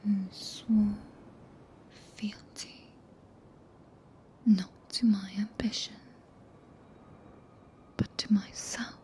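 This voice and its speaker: Woman playing Ranni, a very slow whispering British witch. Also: medium pitch, little pitch movement. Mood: tender, solemn. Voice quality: soft, breathy whisper. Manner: slow, solemn, intimate, deliberate pauses. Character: regal, tender, possessive witch consort with four arms. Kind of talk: ASMR roleplay, archaic scripted speech. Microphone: close binaural ASMR microphone.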